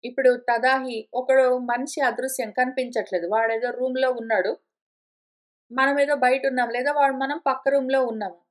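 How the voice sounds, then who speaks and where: A woman giving a conversational scripture lesson, repeating and rephrasing her points and slowing down to recite verses. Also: high-pitched, fairly even intonation. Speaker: teacher of scripture. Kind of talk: explanatory spoken lesson.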